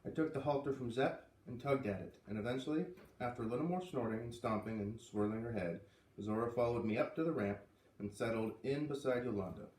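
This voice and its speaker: For a children's book read-aloud series, a man with a brisk, mid-range, darkish voice reads a story expressively and lightly performs the characters' lines. The recording is roomy, with a distant mic and a bit of hiss or hum.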